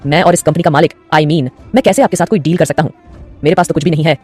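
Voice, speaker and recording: A woman's voice: low-pitched, fast talker, darkish tone, breathy edge, faint music behind. A woman voicing a frantic young husband. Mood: pleading, frantic. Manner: pleading, urgent questioning. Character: young man, desperate and confused husband.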